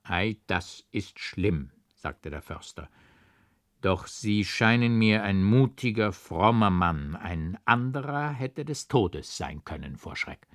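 A man's voice: on the low side, slow pace, no room sound, studio quality. A man doing a stern pious old forester. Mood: calm fatherly. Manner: stern and scolding, then calm and fatherly. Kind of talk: dramatic audiobook reading.

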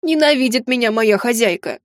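Storybook maid, sly and weepy, higher and rustic, read by a woman, close and dry. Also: lively intonation, a little fast, no room sound, lightly acted. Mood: plaintive. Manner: whimpering, plaintive, old-fashioned phrasing. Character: tearful, sly middle-aged maid with folksy speech.

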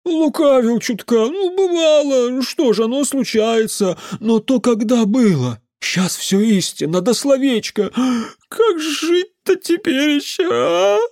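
A man voicing a drunk, tearful old village man who wails in a hoarse, high voice. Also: lively intonation, takes it slowly, darkish tone, no echo, studio quality, full character voice. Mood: wailing. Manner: wailing, tearful rustic speech.

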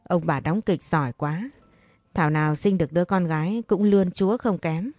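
Storybook role: a loud, sneering, vindictive mother, voiced by a woman narrator, low warm tone. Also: fairly quick, dry recording, faint music behind, natural voice. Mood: scornful. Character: scornful vindictive middle-aged mother.

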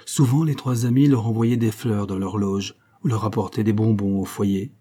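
A man narrating a classic novel as an audiobook, reading in measured, phrase-by-phrase delivery. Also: lowish voice, fairly even intonation, dark tone, slightly rough.

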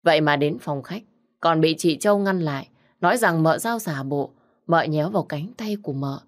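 A woman narrating a storybook tale in a steady, even way. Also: deep voice, moderate pace.

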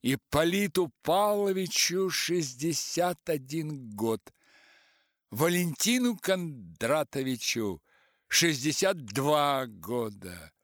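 A man's voice: fairly high pitch, takes it slowly, dry recording, studio quality, pitched above the performer's own voice. A man playing a sly mocking theater actor. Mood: gossipy. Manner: sarcastic, animated, mimicking.

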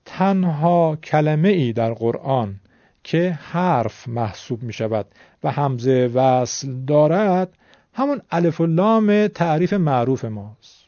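A man's voice: on the high side, expressive, warm tone, dry recording. A man giving a patient, polite, step-by-step lesson on Quran recitation. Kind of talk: classroom lesson explanation. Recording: dull lo-fi dry recording.

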